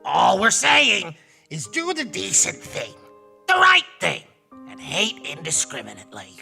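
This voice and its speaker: A gravelly werewolf stage manager. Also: male voice, high-pitched, measured pace, soft background music, exaggerated voice. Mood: deadpan. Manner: deadpan, formal, lecturing. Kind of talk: comedy horror-host sketch.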